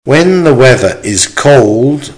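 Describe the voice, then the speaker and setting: Man, medium pitch, slow pace, dictation reading, careful enunciation, repeated phrases, spoken punctuation. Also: expressive, low-quality recording. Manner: deliberate, measured enunciation with pauses. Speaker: language teacher reading dictation.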